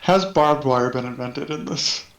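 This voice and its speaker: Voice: mid-range voice, a little slow, a bit bright. A player in a tabletop game, speaking in character with earnest urgency. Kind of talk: tabletop role-play. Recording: echoey room.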